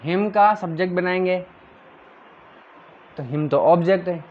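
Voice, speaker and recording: A man's voice: sits high, measured pace, muffled recording, slight background noise. A male teacher giving a classroom grammar lesson, drilling his students with questions and answers.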